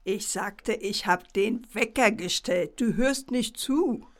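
A woman's voice: mid-range voice, slow, natural voice. A woman voicing Gretel, a bossy puppet wife who scolds her husband, in a puppet play. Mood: exasperated. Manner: scolding, exasperated.

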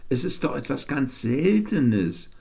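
A man's voice: medium pitch, big pitch swings, slow, gravelly, darkish tone, voice pushed up, heavily acted. A man voicing a curious, stubborn little girl, the younger sister, in a bedtime story reading. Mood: insistent.

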